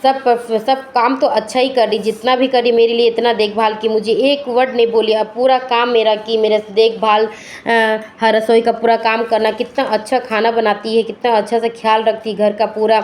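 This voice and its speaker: A woman's voice: on the high side, flat delivery, normal speed, lightly acted. A woman voicing an older mother-in-law who scolds and finds fault with her new daughter-in-law. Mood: reflective.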